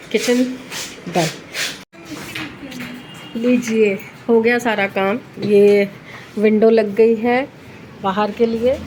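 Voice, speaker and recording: Soft-spoken woman vlogging home renovation. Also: mid-range voice, noisy background. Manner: chatty, talks softly near the camera. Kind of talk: casual home renovation vlog. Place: home under renovation, indoors. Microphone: handheld camera held close.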